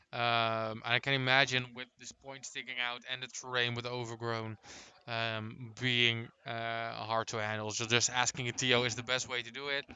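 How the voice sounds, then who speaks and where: Bright, smooth-voiced commentator man. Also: medium pitch. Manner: calm, measured, explains rules. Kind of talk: tabletop game commentary.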